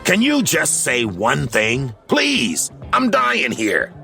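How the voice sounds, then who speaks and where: A man's voice: medium pitch, huge pitch swings, slow pace, gravelly, sharp tone, faint music behind, pitched above the performer's own voice, full character voice. A man voicing a grumpy little male smurf with a sappy, pleading streak in a storybook. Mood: pleading, lovesick. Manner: melodramatic, pleading.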